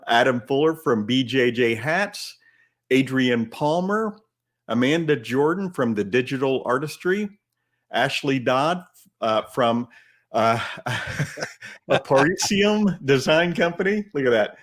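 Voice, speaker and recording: A man co-hosts the show and reads out award nominees. He jokes at himself about how he pronounces names, and his voice sits at an average pitch. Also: lively intonation, takes it slowly. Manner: jokey, self-deprecating about pronunciation. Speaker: show co-host, award presenter. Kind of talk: announcing nominees, casual chat.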